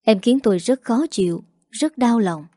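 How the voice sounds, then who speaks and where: A woman's voice: fairly high pitch, animated, normal speed, dark tone, no echo, clean studio sound. Woman doing a brooding, hurt young man. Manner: inward, brooding. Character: remorseful young man, hurt and self-reproaching.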